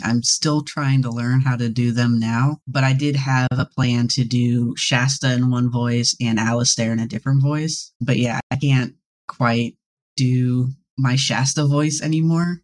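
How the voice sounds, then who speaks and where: Young man, interview guest, deadpan, dry humor, casual talk. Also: mid-range voice. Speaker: guest player.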